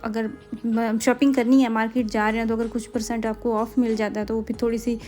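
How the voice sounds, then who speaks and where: A chatty woman in her thirties with a Pakistani Urdu accent talks over her vlog footage, rambling along with frequent hesitations. Her voice sits a little high but sounds mellow and dark. Soft music plays faintly underneath. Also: flat delivery, brisk. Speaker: vlogger. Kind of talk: casual vlog voice-over narration.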